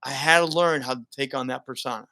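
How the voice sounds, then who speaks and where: A middle-aged guest who works in broadcasting and keynote speaking tells lively stories during a casual interview, often breaking into laughter. He speaks fast, at medium pitch.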